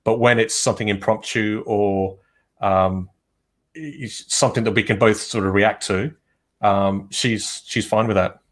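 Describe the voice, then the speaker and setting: A male photographer appears as a guest on a livestream via video call, chatting casually. His voice is on the low side and his pace measured as he relaxedly recounts stories from shoots, using many filler words.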